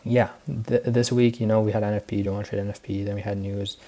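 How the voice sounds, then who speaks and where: A teenage boy talks through his week in a loose, filler-heavy ramble, sounding tired and a little out of breath. His voice sits low and dark, with a flat, even delivery. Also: quick pace. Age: teens. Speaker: student trader recapping his week. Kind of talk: casual spoken recap.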